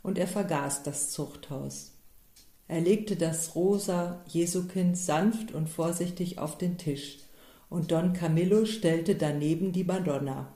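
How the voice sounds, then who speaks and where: A woman reading a story aloud as narrator, in a calm and measured manner. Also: on the low side. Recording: roomy echo.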